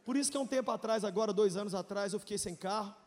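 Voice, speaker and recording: A Brazilian man in his forties, a pastor giving a testimony sermon, telling his story with emotion, jumping from shouts to hushed asides and jokes. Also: high voice, rapid-fire, in a large hall. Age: 40s.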